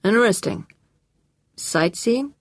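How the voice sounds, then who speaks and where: A woman's voice: on the high side, lively intonation, slow pace, no echo, studio quality, pitched above the performer's own voice. A woman voicing a cool, guarded man who answers in clipped, polite phrases. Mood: polite, wary. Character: cool, guarded adult man under threat.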